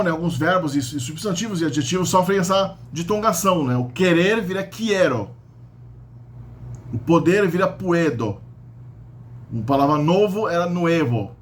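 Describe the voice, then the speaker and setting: A man's voice: on the high side, slight background noise. A man with a Brazilian Portuguese accent giving a casual spoken grammar lesson, explaining step by step with frequent "né?" and "tá?" tags. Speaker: language teacher.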